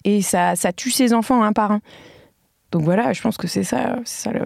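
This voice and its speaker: A woman's voice: medium pitch, normal speed, vocal fry, a little mellow, no echo, clean studio sound. A woman guest in a casual podcast chat, giggly and stumbling as she reads aloud.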